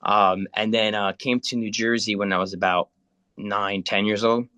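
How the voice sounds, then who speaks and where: This is an Italian-born man in his late thirties, talking casually on a video call. His voice sits fairly low but sounds bright and forward. He rambles, filling gaps with "um" and restarting sentences, and the sound is dry and close. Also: steady tone, moderate pace, no room sound. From Italy. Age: 30s. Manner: rambling, many fillers and restarts. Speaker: spiritual guide.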